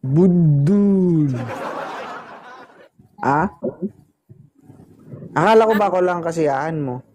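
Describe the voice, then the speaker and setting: A man's voice: a little high, lively intonation, normal speed, pauses often, slight background noise. A man hosting a casual livestream, teasing his partner and thanking gifters by name. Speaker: livestream host.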